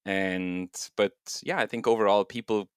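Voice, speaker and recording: A man's voice: fairly low pitch, fairly even intonation, moderate pace, clean tone, no room sound, clean studio sound. A middle-aged man from Switzerland, talking casually as an interview guest, thoughtful and loose with many fillers. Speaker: guest, software engineer and home miner.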